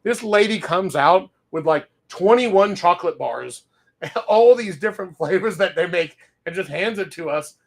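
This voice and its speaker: A man from Louisiana hosts a casual wine-tasting talk with a somewhat higher voice. He rambles from story to story and chuckles often. Now and then he talks while chewing. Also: expressive, normal speed, gravelly. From Louisiana, USA. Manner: talks with his mouth full while eating. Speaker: wine shop owner and show host.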